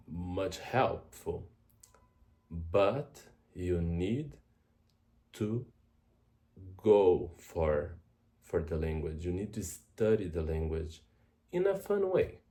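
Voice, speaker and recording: Deep and dark in tone, a Brazilian tutor with a Brazilian Portuguese accent, Portuguese being his native language, presents a travel language course. His delivery is slow and deliberate, with frequent repetition of words.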